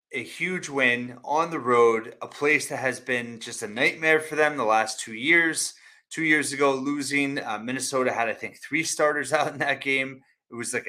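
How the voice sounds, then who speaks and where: A man hosting a sports preview, talking off the cuff through stats in a halting way. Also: mid-range voice, pushed and bright. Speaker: sports podcast host.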